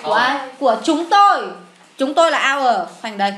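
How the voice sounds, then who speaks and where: A woman's voice: sits high, lively intonation, normal speed, fairly bright tone, a little hiss or hum. A woman teacher, going through an English test with a child, asking questions and answering them herself.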